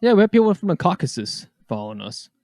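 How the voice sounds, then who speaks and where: A man's voice: high-pitched, very animated, quick pace, darkish tone, no room sound, studio quality. A man co-hosting a casual race-watching chat, jokey and calling out what happens on screen. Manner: jokey, calls the action on screen. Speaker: podcast co-host.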